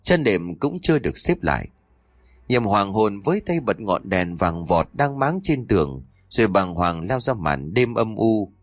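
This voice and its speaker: Expressive male audiobook narrator, dry sound. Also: fairly low pitch, a little slow, no echo. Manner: expressive, voices the characters' cries and quarrels.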